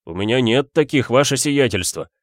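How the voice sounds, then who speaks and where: A man's voice: mid-range voice, expressive, moderate pace, no room sound, clean studio sound, natural voice. A man voicing a nervous male chauffeur who pleads and babbles. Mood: pleading.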